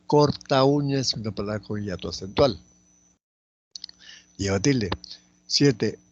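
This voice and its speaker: A man teaching a spelling lesson, slowly and methodically going through each word and repeating it aloud. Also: lowish voice, dry recording, muffled recording. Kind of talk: spelling lesson, explaining accent marks.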